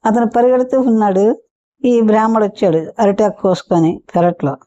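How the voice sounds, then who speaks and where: A woman's voice: medium pitch, fairly even intonation, normal speed, warm tone, dry recording. A woman storyteller telling a folk tale for children in a homely, repetitive, chatty way. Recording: dull muffled recording.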